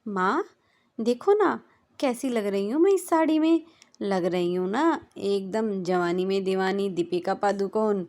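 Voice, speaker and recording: A woman's voice: medium pitch, animated, measured pace, a little mellow. A woman voicing a bubbly, cheeky young woman who talks in a chirpy, playful, exclaiming way. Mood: teasing.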